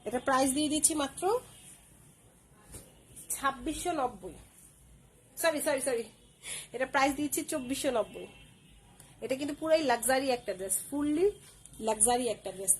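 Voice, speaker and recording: A woman's voice: high voice, moderate pace, pauses often, a little hiss or hum, poor audio. A woman hosting a live clothing sale stream, using repetitive, persuasive sales patter.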